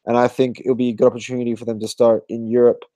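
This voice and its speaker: A man's voice: mid-range voice, flat delivery, quick pace, dark tone, no echo. A man chatting casually as a podcast co-host about his team's lineup, rambling and correcting himself, tired and yawning. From Australia. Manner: rambling, self-correcting, fond of fillers. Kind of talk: casual football chat.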